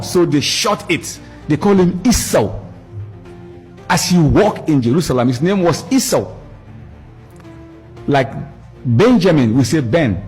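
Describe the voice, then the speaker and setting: A middle-aged man giving a storytelling religious lecture, animated, repeating words for emphasis. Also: on the high side, breathy edge. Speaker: Islamic speaker.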